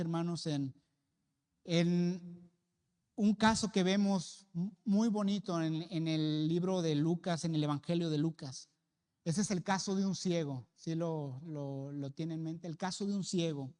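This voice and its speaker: Slow high-voiced Mexican pastor preaching. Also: male voice, darkish tone. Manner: earnest, appealing directly to listeners. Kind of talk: sermon. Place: church sanctuary. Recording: long church-hall reverb.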